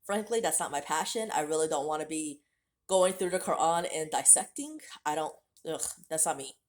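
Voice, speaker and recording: An American woman in her late 30s tells her life story candidly in a casual vlog, speaking directly to her viewers. Her voice is low and darkish, with lively intonation at a normal speed.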